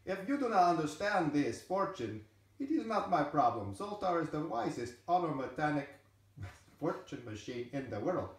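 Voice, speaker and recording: A man's voice: fairly high pitch, big pitch swings, normal speed. A man voicing a grandiose, greedy male fortune-telling machine that announces itself with self-important flourish. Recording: very echoey room, from a distance.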